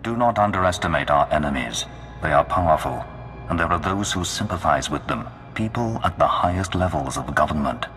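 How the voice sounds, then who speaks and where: Very deep, menacing dark lord. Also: male voice, animated. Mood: ominous, grandiose. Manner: dark lord, slow and commanding. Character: menacing, grandiose Sith dark lord of the ruling council. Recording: long hall reverb under loud music.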